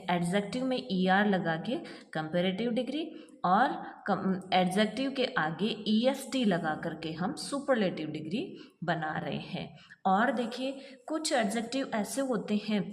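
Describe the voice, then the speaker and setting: A woman teaching English grammar, explaining step by step and asking rhetorical questions, then reading example sentences out slowly. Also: medium pitch, long reverb tail. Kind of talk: classroom grammar lesson explained in Hindi.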